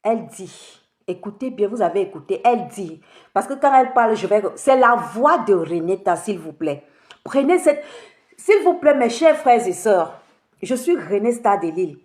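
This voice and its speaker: A woman's voice: medium pitch, big pitch swings, normal speed, darkish tone, roomy sound. A woman hosting a live stream, making an impassioned, emphatic address to her followers and piling up accusations in repeated lists.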